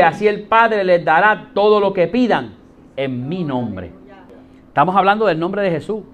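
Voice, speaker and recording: A middle-aged male pastor with a high voice delivers a sermon. He preaches emphatically, dropping soft and then rising loud, and he repeats his key phrases for weight.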